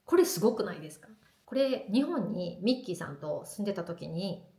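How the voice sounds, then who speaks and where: A woman vlogging in casual chat to the camera, telling stories in a lively, chatty way. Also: lowish voice, fairly quick, roomy sound.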